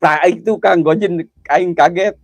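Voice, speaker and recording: Speaking at a measured pace with fairly even intonation, a high-voiced man runs a ghost-hunting livestream outside at night beside an old well. He greets viewers by name, chats with them, and blurts out nervous, jumpy remarks; there's no echo.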